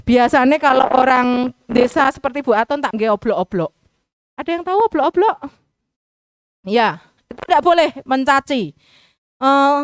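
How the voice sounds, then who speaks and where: A middle-aged woman teacher with a Javanese accent speaks in a fairly high, smooth voice. She chats with students and acts out little everyday examples. The sound is close and dry. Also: no echo. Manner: chatty, mixes in local dialect, acts out examples. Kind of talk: school orientation talk. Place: school hall.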